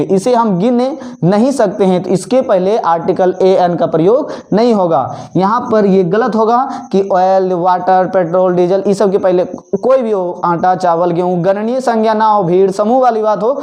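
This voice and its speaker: A man teaching an English grammar lesson, repeating each example word slowly and asking questions that he then answers himself. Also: high voice, mellow. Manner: asks the class questions and answers them himself. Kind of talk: classroom-style grammar lesson.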